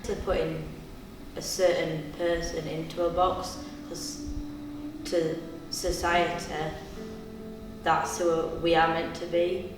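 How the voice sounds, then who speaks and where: Flat-voiced eighteen-year-old woman. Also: low voice, slow, long pauses, over music. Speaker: student interviewee. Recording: echoey room, distant mic.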